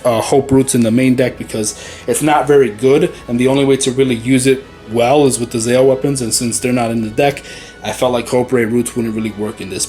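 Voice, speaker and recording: A card game channel host with a medium-pitched, darkish voice chats through his deck in a loose, easygoing walkthrough. The talk wanders, leans on many fillers, and he's slightly winded.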